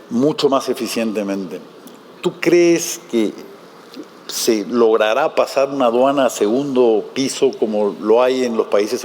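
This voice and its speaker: A man with a somewhat low voice moderates a conference panel, posing long questions to the guests. He pauses often and fills the gaps with drawn-out sounds, over a faint background hiss. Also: darkish tone. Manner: halting, many filler sounds.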